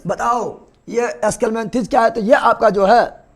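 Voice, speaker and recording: High-voiced man drilling a biology class. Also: fairly even intonation. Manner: drills students with repeated quick questions. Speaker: teacher.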